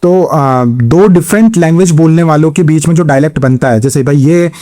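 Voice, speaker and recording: A man with an Indian accent teaching an exam-prep lecture, mixing Hindi and English, posing his own questions and answering them, reading English questions slowly. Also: a little high, mellow. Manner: explains step by step, asks and answers own questions, frequent "theek hai".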